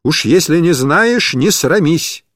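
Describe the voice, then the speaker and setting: A man's voice: on the high side, animated, slow, a bit bright, no room sound, clean studio sound, exaggerated voice. A man reading a story aloud and voicing a stern, irritable woman schoolteacher who scolds and insists on answers. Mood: scolding.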